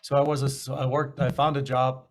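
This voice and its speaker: Man, German accent, middle-aged, podcast guest, rambling, restarts, average pitch. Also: level tone, fairly quick, creaky. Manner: rambling, self-correcting, candid. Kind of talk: casual storytelling interview.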